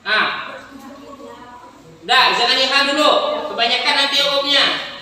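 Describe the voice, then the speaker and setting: A woman's voice: sits high, a little slow, pushed and bright. A woman teaching Quran recitation rules to students, patiently asking questions, counting beats aloud and chanting example verses. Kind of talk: tajweed lesson with students. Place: classroom with students. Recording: echoey room, far from the mic.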